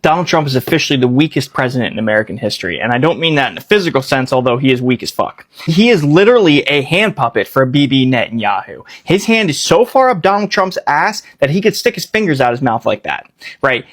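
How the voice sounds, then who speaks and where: A man's voice: medium pitch, very animated, fairly quick. A man giving blunt, heated political commentary, with swearing.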